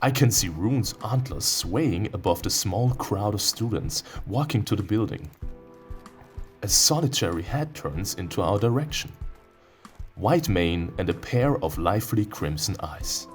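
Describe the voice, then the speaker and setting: Soft background music accompanies a man with a lowish, expressive voice who speaks a little slowly. Hosting a gaming video, he moves between reading visual novel text and remarking on it, playful and theatrical, given to sudden outbursts.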